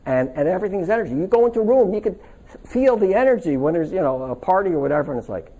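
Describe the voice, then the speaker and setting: A man with a high-pitched, dark-toned voice talks rapid-fire with lively intonation while teaching a stress workshop to a live audience in a seminar room. His casual seminar talk is chatty and anecdotal, and he often asks the audience for agreement to check they're following.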